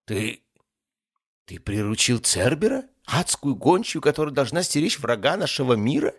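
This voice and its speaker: A man putting on a squeaky panicky little demon. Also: big pitch swings, moderate pace, vocal fry, exaggerated voice. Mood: excited. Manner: panicky, pleading, whimpering. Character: whiny cowardly young male demon, small and blue.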